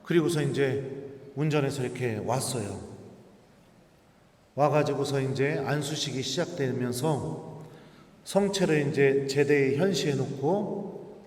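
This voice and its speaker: Priest preaching in an echoey church. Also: male voice, medium pitch, unhurried, pauses often. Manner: animated storytelling, acting out quoted speech. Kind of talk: sermon told as a personal story. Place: large church. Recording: echoey church hall, far from mic.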